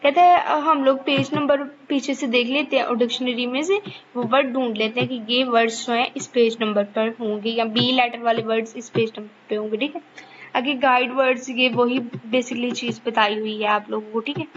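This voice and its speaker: A woman's voice: fairly high pitch, fairly even intonation, moderate pace, highs cut off, a little hiss or hum. A woman teacher, explaining a lesson to students and checking in with them again and again. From Pakistan. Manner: keeps checking in with the class, repeats points patiently. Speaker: online course teacher.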